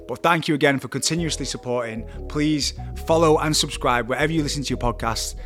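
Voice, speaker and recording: A man hosting a podcast, speaking in a casual, encouraging and supportive conversational style. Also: mid-range voice. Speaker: podcast host. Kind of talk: casual interview chat.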